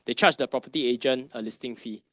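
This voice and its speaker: A fast-talking man with a medium-pitched, slightly bright voice delivers a conference masterclass on finance, with no room sound. As an advisor, he speaks conversationally, asking rhetorical questions and often tacking on "right?"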